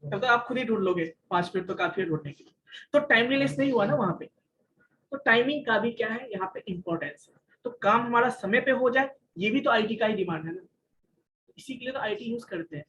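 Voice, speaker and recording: A man's voice: high voice, a bit bright, highs cut off. A male college lecturer teaching an online class, mixing English terms into his talk, explaining with everyday examples and asking his students questions.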